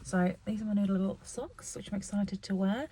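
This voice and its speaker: A woman's voice: medium pitch, steady tone, moderate pace, warm tone, breathy edge. Chatty young woman vlogging. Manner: chatty, rambling, self-correcting. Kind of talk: casual vlog chat. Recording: dull lo-fi phone audio.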